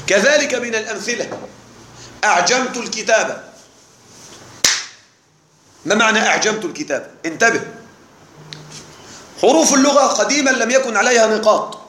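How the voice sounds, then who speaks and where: High-voiced man teaching in an echoey classroom. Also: expressive, moderate pace, pauses often, fairly bright tone, a little hiss or hum. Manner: explains patiently, repeats key words and checks the class. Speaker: Arabic grammar teacher. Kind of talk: classroom lesson. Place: classroom with live students.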